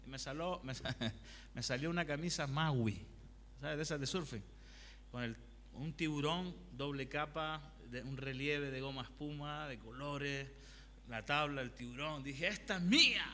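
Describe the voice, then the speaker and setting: A man's voice: medium pitch, a little slow, a bit bright, slight background noise. A male pastor preaching a conversational sermon, asking the congregation questions and telling personal anecdotes. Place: church hall. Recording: long hall reverb.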